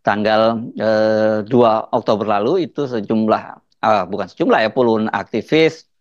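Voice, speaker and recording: A man giving conversational news commentary as a host, in a halting delivery. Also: lowish voice, dry recording. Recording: slightly dull, dry close recording.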